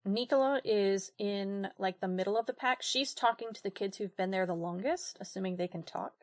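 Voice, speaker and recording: A woman's voice: mid-range voice, moderate pace. A woman player in a tabletop game, casually describing what her character does. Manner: casual, with fillers and laughs.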